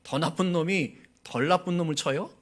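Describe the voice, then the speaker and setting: A man's voice: fairly high pitch, moderate pace, close to an everyday voice. A male pastor acting out the prophet Habakkuk as an anguished man crying out to God, pleading and indignant.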